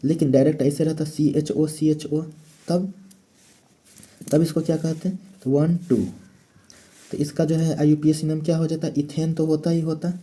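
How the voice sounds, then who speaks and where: Man, chemistry lecture, raised pitch, very mellow tone, self-answering questions. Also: level tone, normal speed, long pauses. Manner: step-by-step explaining, asks and answers his own questions. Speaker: chemistry teacher. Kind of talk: classroom lecture.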